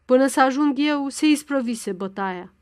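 A woman's voice: sits high, expressive, darkish tone, smooth. A woman reading the lines of an upset middle-aged village schoolteacher in a storybook, reporting grim news. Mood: grave. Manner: grave, troubled.

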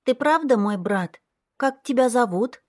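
A woman's voice: a little high, animated, unhurried, no echo, clean studio sound, voice pushed up. A woman voicing a stubborn, capricious little girl princess in an audiobook, with a whiny, insistent childish manner. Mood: curious. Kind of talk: audiobook character voice.

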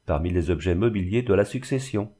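A man reading aloud, voicing a polite, indifferent notary in a measured, formal manner. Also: sits low, expressive, warm tone. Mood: calm.

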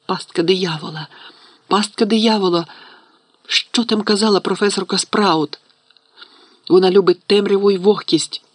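A man voicing a bossy, know-it-all schoolgirl witch who turns shrill and commanding in a panic, in an audiobook reading. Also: steady tone, measured pace, long pauses, no echo.

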